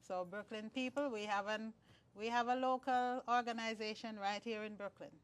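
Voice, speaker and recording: A woman's voice: on the high side, fairly even intonation, moderate pace, clean tone. A Jamaican-born woman, a guest in a conversational interview, explaining earnestly with frequent restarts. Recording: distant mic, dry sound.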